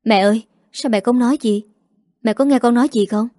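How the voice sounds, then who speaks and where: A woman voicing a young office worker, a worried daughter who pleads gently, in a mellow dry voice. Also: on the high side, a little fast, dry recording, lightly acted.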